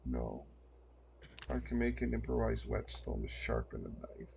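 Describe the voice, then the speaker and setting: He's an older man muttering casual gameplay commentary into a desk mic as he plays, a streamer with a lowish, mellow, creaky voice. His delivery is sing-song and unhurried, and there's a bit of hiss or hum.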